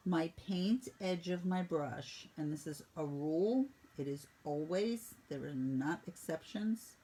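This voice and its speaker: A woman painting instructor walking students through each brush stroke in a brisk, teasing teaching manner. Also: sits low, dark tone, slightly rough, poor audio. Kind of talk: step-by-step painting lesson.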